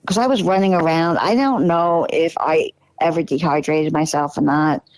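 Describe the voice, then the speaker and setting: A woman's voice: low voice, moderate pace, darkish tone, no room sound, low-quality recording. A woman in her sixties, a podcast guest in casual conversation, chatty and often repeating phrases or trailing off mid-sentence. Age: 60s.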